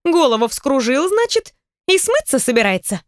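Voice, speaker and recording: A woman voicing a lively, bossy, caring middle-aged stepmother in an audiobook, high and animated in her scolding. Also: moderate pace, dry recording, clean studio sound.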